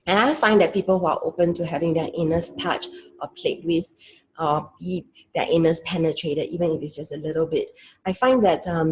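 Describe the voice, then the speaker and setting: A woman, a clinical sexologist giving a calm educational talk in short, explanatory phrases. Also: deep voice, slightly rough. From Singapore.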